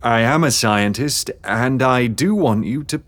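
A man voicing a troubled young gentleman scientist in an audiobook, speaking earnestly and pleadingly. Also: medium pitch, a little slow, dry recording, pitched above the performer's own voice, lightly acted. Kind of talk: audiobook character voice.

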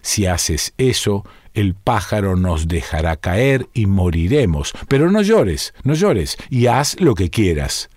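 Anxious, patient carer hushing a child, slow and low, dry close read by a man narrating. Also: very animated, no room sound, exaggerated voice. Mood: soothing. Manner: soothing, pleading.

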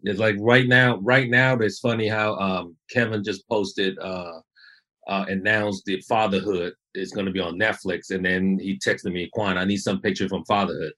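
A man who is a photographer, a guest in a casual interview, speaking in a relaxed, rambling way with many fillers. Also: deep voice, normal speed.

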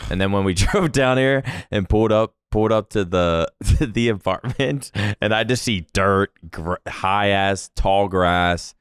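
A man's voice: lowish voice, unhurried, clean tone, no room sound, clean studio sound. A man co-hosting a podcast, joking laid-back and swearing casually. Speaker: podcast co-host. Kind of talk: casual chat.

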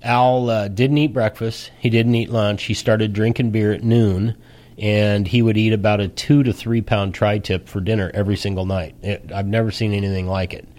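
A man recounting a personal story in a casual, plainspoken way, with soft music behind. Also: lowish voice, little pitch movement, normal speed. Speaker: interviewee.

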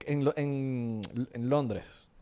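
A man's voice: medium pitch, fairly even intonation, drawn-out words, dark tone, clean tone. A man with a Venezuelan Spanish accent co-hosting a podcast in casual chat, teasing and often trailing off mid-thought. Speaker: podcast co-host.

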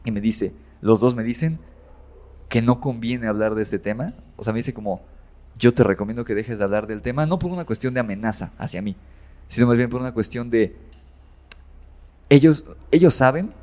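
A man's voice: mid-range voice, expressive, brisk, darkish tone. A man casually retelling a horror story as a guest, rambling with many fillers and self-corrections.

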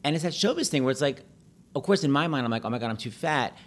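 A middle-aged man telling stories in a casual, animated chat, full of "like" and quick asides. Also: mid-range voice. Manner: chatty, animated, peppered with "like".

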